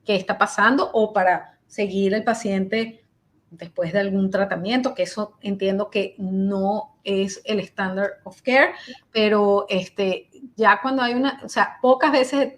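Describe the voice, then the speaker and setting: A woman's voice: mid-range voice, steady tone, unhurried. A woman hepatologist answering questions in a webinar, thinking aloud with many fillers and restarts. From Venezuela. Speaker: invited speaker, hepatologist. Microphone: video call.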